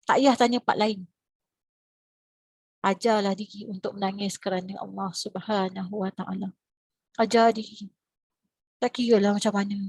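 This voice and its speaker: Woman religious teacher with a Malaysian Malay accent, animated and questioning, dry close mic. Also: dry recording. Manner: animated, rhetorical questions, sudden high exclamations. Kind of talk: lively religious lecture. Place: lecture hall.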